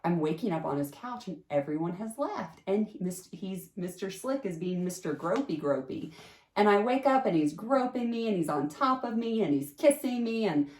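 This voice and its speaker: A woman's voice: mid-range voice, lively intonation, moderate pace, darkish tone. A woman casually telling a personal story, talking emphatically with lots of fillers and restarts. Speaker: storyteller sharing a personal experience. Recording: roomy echo.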